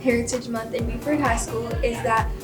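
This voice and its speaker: A woman's voice: on the high side, steady tone, normal speed, recorded from a distance, music in the background. A teenage girl from Venezuela presenting a school news segment in a friendly, reading tone. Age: teens. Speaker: student presenter.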